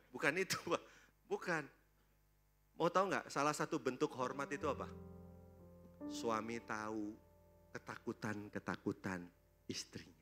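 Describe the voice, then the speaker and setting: A man preaching a sermon at a church service, lively and joking, constantly throwing questions at the congregation. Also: on the high side. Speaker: pastor.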